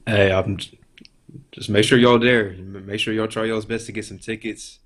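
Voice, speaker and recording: Low-voiced young man, casual sports interviewer. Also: fairly even intonation, moderate pace. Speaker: co-host interviewer.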